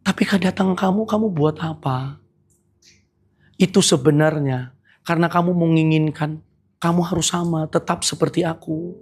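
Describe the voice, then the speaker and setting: A woman evangelist preaching a Sunday worship sermon, urging the listener and repeating calls to repent, moving between hushed whispers and forceful rises. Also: low-pitched, moderate pace, long pauses, slightly rough.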